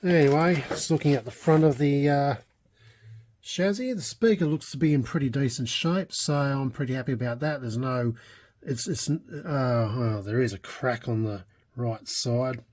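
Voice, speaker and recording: This Australian man, a hobbyist vlogger, speaks at a normal speed with a medium-pitched, slightly mellow voice. His unscripted show-and-tell is casual, hesitant and wandering, with thoughts left trailing.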